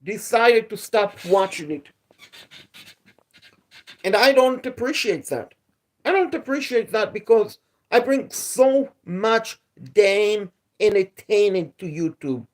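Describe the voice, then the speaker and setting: Slow-talking man venting on a live stream. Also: high-pitched. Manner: repetitive, aggrieved, lecturing. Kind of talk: casual live stream talk. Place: outdoors at night near a pool.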